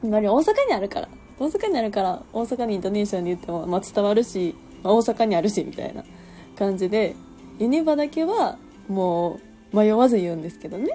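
A woman in her twenties chats through her solo radio show with a Kansai accent. Her voice is mellow and warm, and she is easygoing and quick to poke fun at herself. Faint music plays softly behind her. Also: medium pitch, lively intonation. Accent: Kansai Japanese. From Kansai, Japan. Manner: chatty, self-deprecating, laughs often. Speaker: podcast host. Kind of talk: casual solo radio talk.

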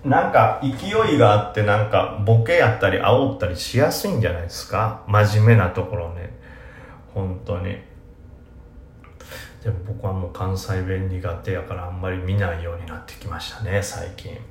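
A man's voice: deep voice, moderate pace, slight background noise. A man with a Kansai accent who hosts a podcast and answers listener questions in a casual, self-deprecating way, with lots of fillers. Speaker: podcast host. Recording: roomy echo.

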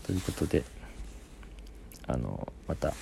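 A man's voice: very deep voice, sing-song, unhurried, vocal fry, heavy background noise. A young man hosting a casual solo talk show, telling rambling stories and answering listener questions, often dropping into whispered asides. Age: young adult. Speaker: podcast host.

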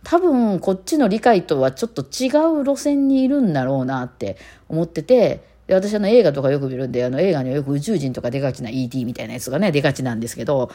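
A woman's voice: sits low, expressive, fast, hardly any pauses, warm tone. A woman with an Osaka accent chatting on her own podcast, rambling with lots of fillers and laughing now and then. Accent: Kansai (Osaka). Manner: chatty, playful imitations of her cats. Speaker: podcast host. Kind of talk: casual solo talk.

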